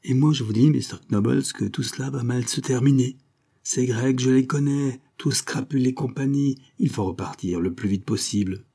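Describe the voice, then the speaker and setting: A man's voice: medium pitch, normal speed, vocal fry, dark tone, pitched above the performer's own voice. A man voicing a furious, panicky middle-aged gambler who rants and barks. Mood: grim. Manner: ranting, barking and grumbling.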